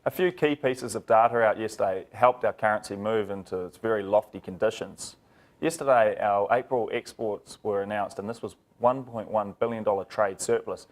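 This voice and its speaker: A man presents a scripted financial market report like a news anchor, in a formal, measured and informative way. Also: on the low side.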